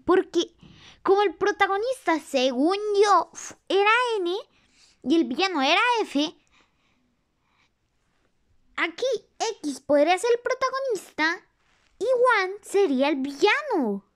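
A YouTuber talks in a put-on cartoonish voice that sits extremely high. The delivery is slow and drawn out. They react excitedly to a video, shouting the same lines again and chatting with viewers. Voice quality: a put-on cartoonish character voice, not the speaker's real one. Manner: exclaims and repeats lines while watching; chatty with the audience, laughs at own slips. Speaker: YouTuber reacting to an animated series.

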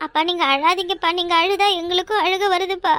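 A small cartoon child, voiced by a woman pleads in a whiny voice. The pitch is very high and the pace is fast, with a dry, close sound. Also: fairly even intonation, bright, forceful tone, no room sound. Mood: pleading. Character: small child begging its father to stay.

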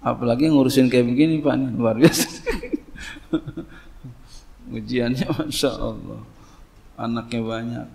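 A middle-aged man giving a casual, lively sermon, acting out little dialogues and translating Arabic phrases. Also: medium pitch, measured pace, gravelly, pauses often. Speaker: Islamic preacher teaching a classical text. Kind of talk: casual sermon in Indonesian with Jakarta slang.

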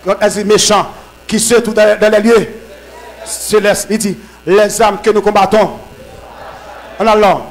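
A man preaches a sermon. His voice sits high for a man. He swings from shouted, fervent bursts to lower, quieter teaching. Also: steady tone, a little slow, pauses often, poor audio. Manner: shouts in fervent bursts with repeated amens, drops low when teaching. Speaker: apostle preaching at a conference.

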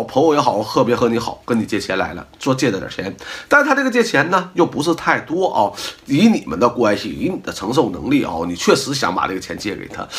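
A middle-aged man hosting his own advice talk, speaking emphatically and firing off rhetorical questions as he lectures. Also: medium pitch. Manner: animated, full of rhetorical questions. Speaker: host giving life advice. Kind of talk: casual advice monologue.

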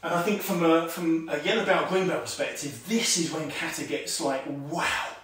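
At normal speed, in a fairly high, steady and bright voice, a man in his forties demonstrates karate moves for an online lesson at home while explaining them, calling commands and repeating "okay." Captured by a distant camera on a stand, his voice echoes around the tiled-floor room.

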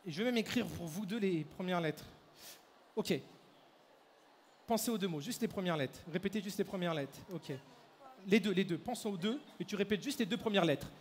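A man performing a live mind-reading act, briskly directing the audience and volunteers on stage through a handheld microphone. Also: high-pitched, a little hiss or hum. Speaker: stage mentalist. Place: large hall at a fair. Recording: echoey hall, faint crowd ambience.

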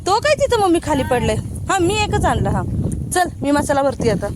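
A woman's voice: sits high, very animated, a little fast, background noise. A woman, chatting casually as she shows her family and rural home in a vlog. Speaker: vlogger. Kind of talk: casual village vlog narration.

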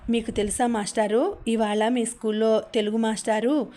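A woman's voice: on the high side, flat delivery, moderate pace, mellow, lightly acted. A woman voicing an affectionate young mother who speaks tenderly and coaxingly, in an audiobook.

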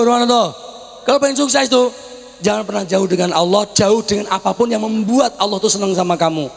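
A man with a Javanese accent preaching to students, teasing them and shouting questions for the crowd to answer. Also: sits high, gravelly. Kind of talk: lively sermon to students. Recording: echoey hall recording.

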